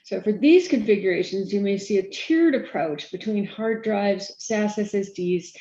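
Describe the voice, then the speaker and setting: A woman giving a conference keynote on technology, talking quickly with frequent fillers and restarts. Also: mid-range voice, mellow, reverberant, muffled recording. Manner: fast-talking, self-aware about speed. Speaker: keynote speaker, storage architect.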